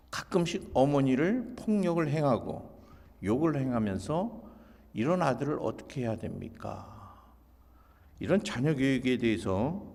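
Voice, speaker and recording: A man's voice: mid-range voice, in a large hall. A man in his fifties preaching a sermon as pastor, telling stories and acting out what people say. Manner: animated storytelling, acts out quotes.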